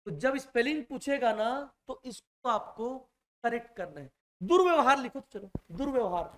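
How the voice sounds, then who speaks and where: A man's voice: extremely high pitch, lively intonation, moderate pace. A man teaching a Hindi exam-prep class in a classroom. He repeats each point and keeps checking that his students follow. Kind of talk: classroom lecture.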